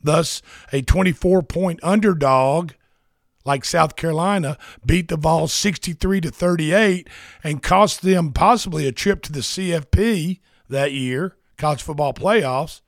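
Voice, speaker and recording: Gravelly rambling radio host. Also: male voice, fairly high pitch, unhurried, no echo, studio quality. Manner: chatty, rambling, repeats himself. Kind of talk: casual sports talk.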